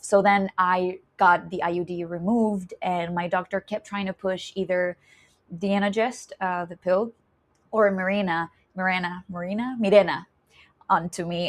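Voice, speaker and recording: A young woman from Chile, a nurse and menstrual health educator, introducing herself in a candid, chatty vlog and laughing often. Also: mid-range voice. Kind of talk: casual self-introduction vlog.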